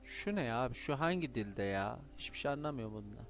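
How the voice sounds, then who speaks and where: A man's voice: mid-range voice, lively intonation, quick pace. A man casually commenting on a video game as he plays, musing and talking to himself. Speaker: gamer. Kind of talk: let's play commentary. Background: loud game music.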